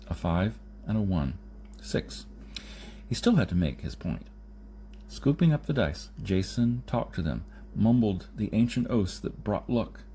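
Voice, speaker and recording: A lowish, warm male voice reads a science fiction story aloud as an audiobook narrator, sometimes stumbling on a phrase. Noticeable background noise runs under the recording.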